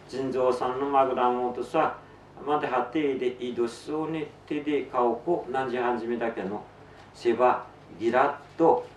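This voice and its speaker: A man reciting a story theatrically in thick Tsugaru dialect, with drawn-out phrases and raised cries. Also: mid-range voice. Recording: roomy, distant, noisy live recording.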